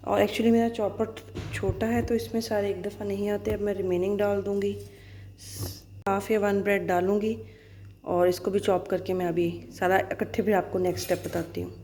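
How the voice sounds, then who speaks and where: A woman in her thirties from Pakistan with a Pakistani Urdu accent, chatting fast and cheerfully in a casual vlog, then walking through a recipe at home. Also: medium pitch, dark tone, slight background noise. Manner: fast-talking, chatty, laughs easily. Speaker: vlogger and schoolteacher. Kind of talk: casual vlog chat and cooking demo.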